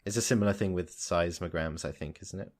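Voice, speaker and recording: A man's voice: low-pitched, fairly quick. A young man co-hosting a casual podcast, thinking aloud with many restarts as he explains science news. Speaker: podcast co-host. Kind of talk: casual chat.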